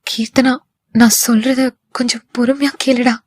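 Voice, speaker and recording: A woman voicing an irritable elder sister-in-law in a curt, lower tone. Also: flat delivery, normal speed, dry recording, clean studio sound, natural voice. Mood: firm.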